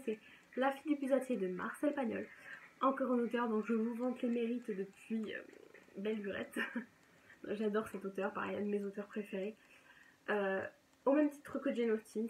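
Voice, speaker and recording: A young woman vlogs casually about her reading picks, her voice sitting a little high. She talks with eager enthusiasm and often restarts her sentences. A faint noise hums under the recording. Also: normal speed, darkish tone, low-quality recording. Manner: chatty, enthusiastic, self-correcting. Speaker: book vlogger. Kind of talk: casual chat.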